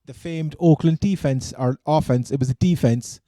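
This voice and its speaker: Male sports co-host, Cork Irish accent, dark relaxed tone, dry close sound, halting and repetitive, casual chat. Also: on the high side, no echo. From Cork, Ireland. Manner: rambling, stammering, repeats phrases. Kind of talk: casual American football chat.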